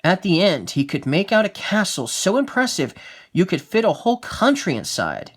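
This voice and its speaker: A storyteller reading a fairy tale aloud, expressive, with the odd small slip and restart. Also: mid-range voice, normal speed, slightly rough.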